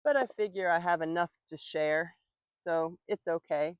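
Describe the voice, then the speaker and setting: A woman teaching English slowly and clearly while working in her garden. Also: fairly low pitch, dry recording, lo-fi sound. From United States. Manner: slow, clear, patient explaining. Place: outdoor garden, rooster in background.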